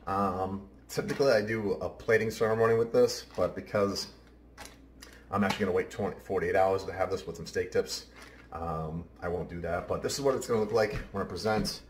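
Casual home-cook host, New man, low voice, off-the-cuff, picked up from across a roomy kitchen. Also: steady tone, brisk, far from the mic, slight background noise. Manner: chatty, offhand, talks while working. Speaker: home cooking show host. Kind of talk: casual cooking demonstration. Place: large home kitchen, indoors. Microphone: camera mic at a distance, then close to camera. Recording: roomy kitchen sound, heard from afar.

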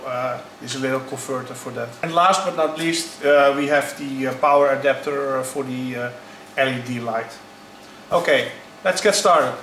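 A man talks slowly and haltingly, pausing often as he vlogs. The sound is poor and low quality, captured by a built-in camera mic in an echoey room at home. A faint hiss sits under his slightly high voice. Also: fairly bright tone, far from the mic. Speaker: YouTuber starting a channel. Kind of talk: casual unboxing vlog.

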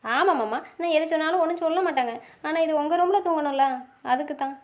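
A woman's voice: high-pitched, fast talker, lo-fi sound. A woman in a romantic audio drama, answering back in a stubborn, pouting, playful way.

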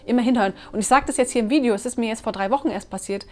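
Earnest, animated woman in her thirties, a parenting vlogger talking straight to camera. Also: fairly high pitch, racing. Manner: earnest, animated, acts out her own scolding. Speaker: parenting vlogger, mother of three. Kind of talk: casual talk to camera. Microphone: camera mic.

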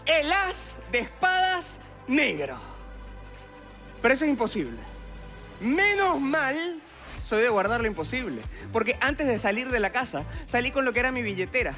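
On a big TV studio theatre stage, a contestant magician in his twenties performs his stage patter to the judges via headset mic, his Venezuelan accent clear. The voice is very high, sharp and sing-song at a normal speed, and music runs under the act.

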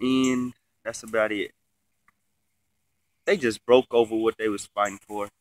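A man's voice: fairly low pitch, fairly even intonation, measured pace, no room sound. A young man with a congested, sniffly, stuffy-nosed voice, chatting casually and swearing freely in a slangy, laid-back vlog. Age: young adult. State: sick with the sniffles. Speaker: vlogger. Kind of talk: casual rambling vlog chat. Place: outdoors in a yard, reclining in a chair. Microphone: phone at arm's length.

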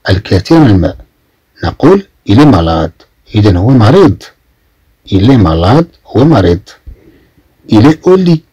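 Moroccan man, teacher, husky low voice with an animated lilt, repeats phrases patiently, dry close mic. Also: no echo. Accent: Moroccan Arabic. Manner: repeats each phrase slowly, then translates it. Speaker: French teacher. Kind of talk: explaining vocabulary in a lesson.

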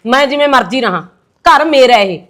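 A woman's voice: sits high, animated, brisk, a bit bright. A middle-aged woman playing a resentful mother-in-law in a short film drama, scolding and sarcastic. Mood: bitter.

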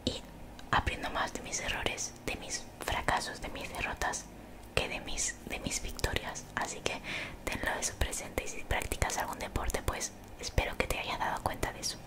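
A young woman gives soothing, motivational ASMR in a breathy whisper very close to the mic, gently repeating phrases. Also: moderate pace. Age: young adult. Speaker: ASMR creator. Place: small bedroom, indoors. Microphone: desktop condenser mic, very close.

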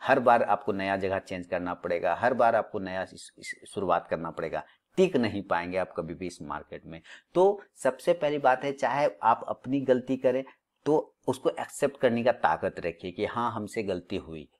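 Low-voiced man lecturing with rhetorical questions. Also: lively intonation, normal speed. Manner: scolding, full of rhetorical questions; repeats phrases for emphasis. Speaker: stock trading educator. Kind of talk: lecturing monologue.

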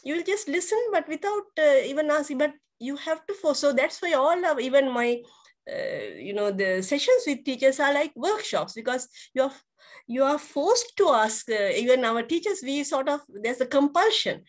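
A woman's voice: high voice, animated, moderate pace. A middle-aged woman from Sri Lanka, a guest on a video-call interview, hesitant, with many fillers and restarts. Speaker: guest educator. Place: indoors, virtual background.

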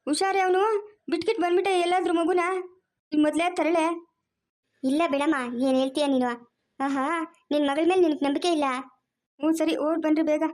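A woman with a rural Karnataka Kannada accent talks fast in a fairly high voice. She scolds and coaxes in plain everyday speech, as in an acted family drama. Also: steady tone, darkish tone. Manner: quick, scolding and coaxing colloquial talk.

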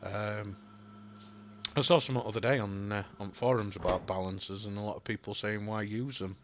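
A young gaming YouTuber with a Yorkshire accent gives casual, rambling commentary on a building game, thinking aloud and apologizing with lots of ums. He speaks briskly in a fairly low voice with fairly even intonation, against a noisy background.

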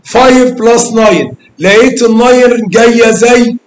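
A man's voice: very high voice, moderate pace. A man with an Egyptian Arabic accent teaching math to a class of children, coaxing them with questions and calling pupils by name with endearments. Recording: echoey classroom.

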